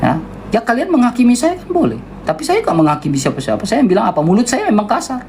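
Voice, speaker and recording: Loud eastern Indonesian man ranting. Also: huge pitch swings, fast talker, a little hiss or hum. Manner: loud, high-toned, insistent. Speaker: debater on a livestream. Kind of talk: heated livestream rant.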